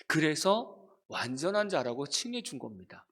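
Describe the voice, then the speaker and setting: A male pastor delivers a youth sermon in a bright, fairly high voice. His pitch leaps up and down as he speaks, and he keeps asking his listeners questions. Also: moderate pace. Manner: animated, asks the listeners questions.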